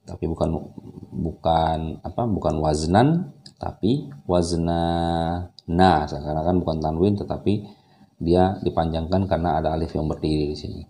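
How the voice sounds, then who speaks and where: Deep, dark-voiced Indonesian man, over-enunciating. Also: steady tone, normal speed, creaky. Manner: over-enunciates, drawing out example syllables. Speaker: Quran reading teacher. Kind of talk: step-by-step recitation lesson.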